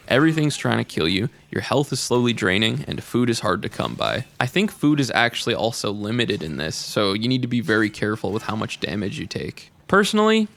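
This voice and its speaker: A man's voice: medium pitch, creaky, fairly bright tone. A young man voicing a scripted game review, candid and casually blunt, speaking close to the mic.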